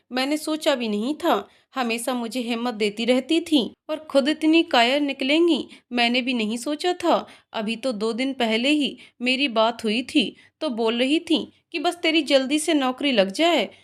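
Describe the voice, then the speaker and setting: A woman voicing a young man who grieves his elder sister, speaking tearfully and pleading in her own high voice.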